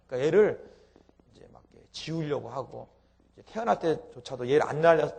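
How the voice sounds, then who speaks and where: A middle-aged male pastor telling a story in a sermon, with sudden loud exclaimed peaks. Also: mid-range voice, vocal fry, breathy edge.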